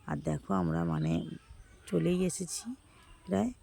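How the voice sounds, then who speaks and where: A hoarse woman from West Bengal narrating her casual vlog outdoors, chatting with viewers as friends. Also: fairly low pitch, lively intonation, unhurried, dark tone. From West Bengal, India. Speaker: vlogger.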